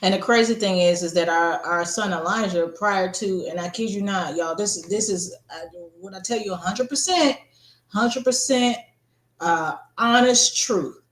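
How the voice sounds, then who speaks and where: Casting note: woman, mid-pitch, earnest and emphatic storyteller, lilt, roomy sound. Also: unhurried. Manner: emphatic, addresses listeners as y'all. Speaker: co-host. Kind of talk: casual faith chat.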